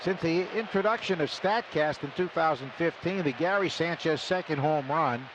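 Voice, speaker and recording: Over loud stadium ambience on a muffled radio broadcast, an American man calls live baseball from the booth. His voice sits on the high side and moves at a moderate pace.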